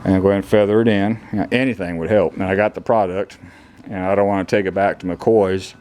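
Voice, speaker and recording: A man's voice: low-pitched, steady tone, fast, darkish tone, a little hiss or hum. A man on a casual DIY vlog, talking bluntly with plain rural slang while showing off a concrete floor in an old kennel building. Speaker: DIY vlogger.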